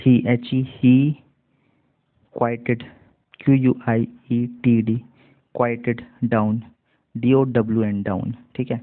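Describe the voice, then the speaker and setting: Slow, flat-voiced Indian man teaching reading. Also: medium pitch. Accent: Indian English. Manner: spells words letter by letter, then repeats them slowly. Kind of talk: spelling and reading lesson. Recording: tinny phone-like audio.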